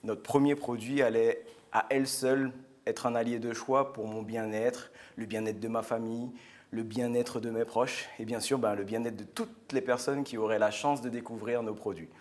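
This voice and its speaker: A man of ordinary, mid-range pitch speaks earnestly in a TV studio. His delivery is chatty and enthusiastic, full of small fillers and restarts. He sounds like a guest sharing personal testimony. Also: fairly even intonation, moderate pace. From French Guiana. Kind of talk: product presentation on a live show.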